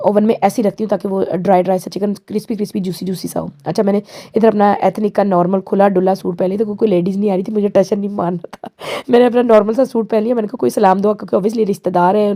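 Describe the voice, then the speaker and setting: Chatty mom doing a cooking vlog voiceover, warm mellow voice, rambles on. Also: female voice, mid-range voice. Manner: chatty, rambling, sprinkles in English words. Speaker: home cooking vlogger and mother. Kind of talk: casual cooking vlog voice-over.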